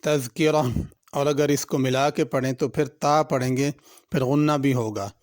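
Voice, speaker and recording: A man's voice: medium pitch, fairly even intonation, darkish tone, dry recording, studio quality. A man with a Pakistani Urdu accent teaching Quran tajweed, patiently and methodically explaining each pronunciation rule. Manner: patient, methodical, repeats each word slowly before explaining the rules. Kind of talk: tajweed lesson, alternating slow drawn-out recitation with spoken explanation.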